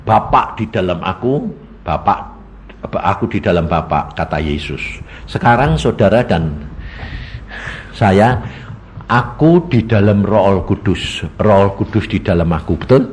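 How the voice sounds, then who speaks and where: A man's voice: fairly low pitch, expressive, a little slow, long pauses, slight background noise. A man preaching a sermon to a congregation, quizzing them with short questions. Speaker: evangelist preacher.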